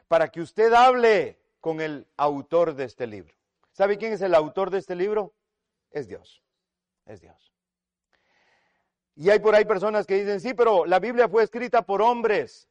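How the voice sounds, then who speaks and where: A man preaching a sermon, swinging between loud declarations and hushed asides and speaking to each listener as "brother". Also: on the high side, expressive, a little slow, pauses often, dry recording, dull audio. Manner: acts out quoted voices in retold scenes.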